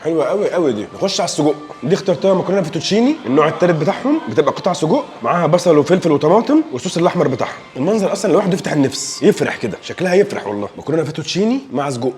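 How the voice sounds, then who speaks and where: In a casual food vlog, a young Egyptian Arabic-accented man jokes around and gushes over each dish he tries. His slightly high voice is sing-song and a little mellow, and he talks at a racing pace with few pauses.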